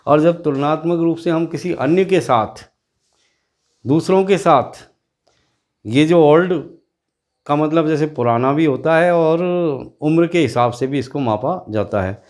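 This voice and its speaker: A male English grammar teacher, giving a classroom lesson and explaining slowly with drawn-out word lists. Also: a little high, a little mellow.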